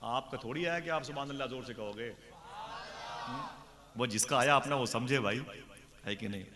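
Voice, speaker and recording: A man preaching at a devotional gathering, telling a story in an animated way, acting out its dialogue and putting questions to his audience. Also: medium pitch, normal speed, background noise. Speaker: religious speaker at a devotional gathering. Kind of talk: sermon storytelling. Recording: long reverb of a large hall.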